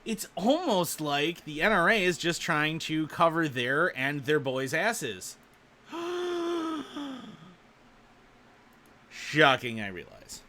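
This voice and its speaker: A man hosting a show, giving sarcastic, animated political commentary while reading the news aloud. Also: fairly high pitch, unhurried, few pauses, a little hiss or hum. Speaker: show host.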